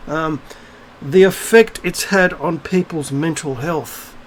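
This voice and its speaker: A man's voice: a little high, slow pace, a little hiss or hum, low-quality recording. Blunt, profane middle-aged man ranting. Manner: blunt, profane, rambling with many fillers and restarts. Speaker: video blogger. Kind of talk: unscripted ranting monologue.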